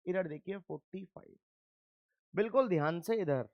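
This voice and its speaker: A man with a high voice gives a chemistry lecture at normal speed, firmly drilling the class with questions he answers himself. His reminders to pay attention come across as scolding, and the recording is muffled without echo.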